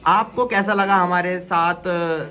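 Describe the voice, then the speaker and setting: A man's voice: high voice, steady tone, slow pace, a crowd in the background. Encouraging male math teacher in echoey classroom. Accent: Delhi Hindi. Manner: encouraging, conversational. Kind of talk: classroom pep talk. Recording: roomy classroom echo.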